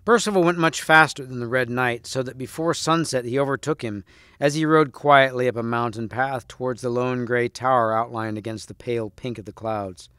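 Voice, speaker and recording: A man reading a storybook aloud to students, steady with small slips and restarts. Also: mid-range voice, moderate pace, smooth, no room sound, studio quality. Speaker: reader.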